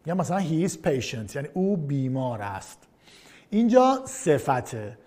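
A man teaching English vocabulary online, drilling words slowly and adding quick asides. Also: fairly high pitch, sing-song, a little mellow. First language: Persian.

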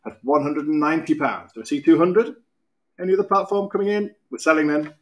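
Auctioneer, British man, thirties, brisk repetitive bid calling from a lectern, voice sitting a touch high. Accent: British English. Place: auction room podium, indoors.

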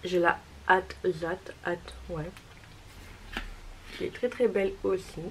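A woman's voice: on the low side, steady tone, slow pace, very noisy. A woman beauty vlogger talking casually to camera, chatty and repetitive, filling gaps with little asides. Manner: chatty, repeats "voilà" often, apologetic. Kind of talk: casual makeup haul vlog.

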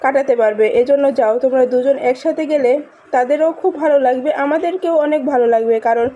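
A woman's voice: sits high, brisk, dark tone, muffled recording, natural voice. A woman voicing a commanding mother who lectures her son, in a spoken drama recap. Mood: stern. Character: stern domineering mother.

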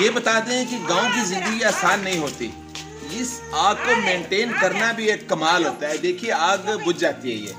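A cooking vlogger in his forties cooks on a wood fire in an outdoor village yard, chatting directly to viewers in a casual cooking demonstration. His voice is high, picked up by a camera mic held by a cameraman, with background music playing under it.

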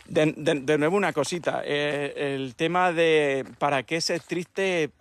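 Livestream host, a man, high voice, lively and mocking. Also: slow. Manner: animated, mocking imitations, rhetorical questions. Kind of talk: casual live chat.

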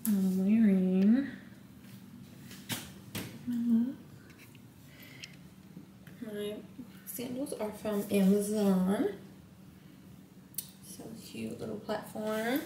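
Young woman doing a chatty hotel tour vlog, kinda gravelly voice, half whispering sometimes, echoey tiled bathroom. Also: medium pitch, very slow, long pauses, mellow. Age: young adult. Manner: chatty, gushing, often drops to a near whisper. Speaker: vlogger. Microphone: handheld camera at arm's length. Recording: echoey tiled room, faint hiss.

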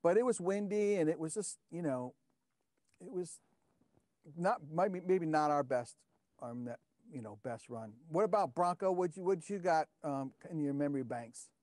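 A man's voice: fairly high pitch, normal speed, dry recording, studio quality. A man in his fifties, a former drum line member, animatedly telling stories in a casual reunion chat. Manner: animated storyteller, acts out shouting.

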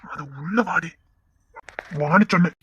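A man's voice: high voice, measured pace, dull audio, slight background noise. A man with a Tirunelveli Tamil accent playing a flirtatious office boss who teases and wheedles. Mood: teasing. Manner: wheedling, teasing. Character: flirtatious male office boss, teasing and pleading. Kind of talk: village web-series acting.

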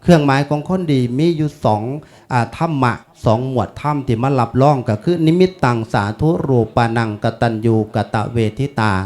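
A man's voice: mid-range voice, a little mellow. A man in his fifties, a monk with an Isan accent, giving a folksy, chatty funeral sermon laced with chanted Pali. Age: 50s.

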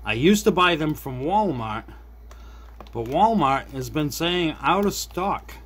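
Speaking fairly high and a bit bright, the man sounds animated yet slow as he goes. He's a middle-aged maker of hobby repair videos, casually thinking aloud to viewers during an unscripted fix at a desk indoors. Background noise and room tone are present.

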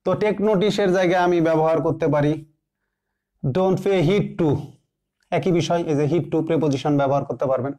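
A man teaching English grammar, slowly repeating example sentences word by word and answering his own questions. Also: fairly high pitch, mellow. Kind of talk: classroom grammar lesson.

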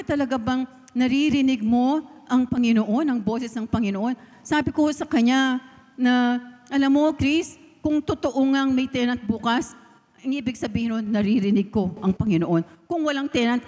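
High-voiced Filipino woman preaching. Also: normal speed, darkish tone. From Philippines. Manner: heartfelt storytelling, mixing in English phrases. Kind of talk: sermon testimony. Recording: long reverb of a hall.

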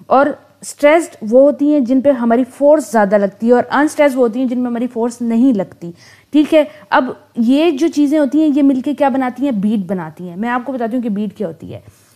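A young adult woman teaching poetry terms in a lecture, explaining casually and slowing down to read definitions carefully. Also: on the high side, mellow. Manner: switches to slow, careful reading for English definitions. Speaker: literature teacher.

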